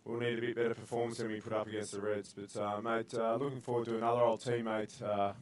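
A man's voice: lowish voice, flat delivery, quick pace. A man, a rugby player guest, talking in a laid-back way with lots of fillers. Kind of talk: casual sports chat.

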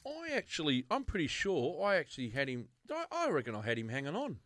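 A man's voice: on the high side, huge pitch swings, a little fast, fairly bright tone, dry recording. A man with an Australian accent chatting casually about football as a podcast panellist.

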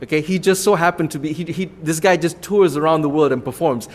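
A man's voice: a little high, fast talker. A man with a Malaysian accent, a comedy club owner telling his story in an interview, earnest and rambling, laughing now and then.

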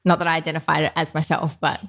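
A woman's voice: low voice, little pitch movement, quick pace, fairly bright tone. A woman from Australia, a podcast guest talking openly and casually about her life, with lots of "like" fillers. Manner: open, chatty, frequent "like" fillers. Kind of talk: casual conversational interview.

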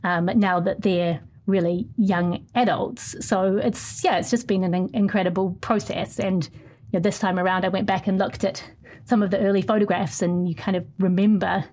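A middle-aged reporter with a middle-pitched voice reads a long feature aloud at a moderate pace, steady and clear. Her speech loosens when she answers questions, with small restarts.

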